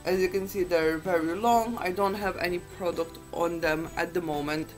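A woman's voice: on the low side, normal speed, faint music behind, poor audio. A woman chatting casually to camera as a beauty vlogger, in a groggy just-woken-up morning voice and a chatty, self-deprecating way.

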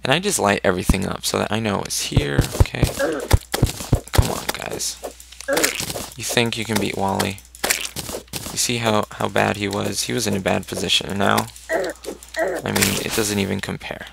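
Man, let's play commentary, rough fry-heavy voice, noisy recording with clacking keys. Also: lowish voice, very animated, normal speed, pauses often. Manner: chatty, thinks aloud, talks to his character. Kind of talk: casual gameplay commentary. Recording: noisy home recording with keyboard clicks. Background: loud keyboard clicks and typing.

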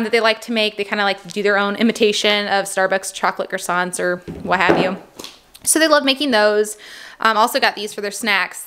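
A woman's voice: medium pitch, sharp tone, smooth. Casual female vlog host, 30s, friendly chatter full of "um"s and small laughs, talking over groceries at home. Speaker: vlog host, mother of a large family. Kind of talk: casual grocery haul chat. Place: indoors at a home table.

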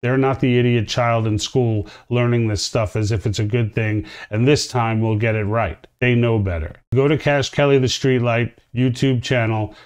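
A man's voice: medium pitch, steady tone, moderate pace, hardly any pauses, darkish tone, clean tone. A man in his forties hosting a political commentary show, speaking earnestly and with emphasis to camera from a home studio.

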